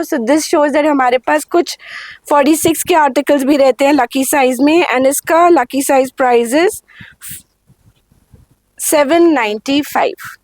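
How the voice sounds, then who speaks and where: High-voiced woman pitching clothes, slow. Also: no echo. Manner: Hindi-English mix, swings between slow lingering prices and quick rundowns. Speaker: boutique sale presenter. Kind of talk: sales pitch showing garments.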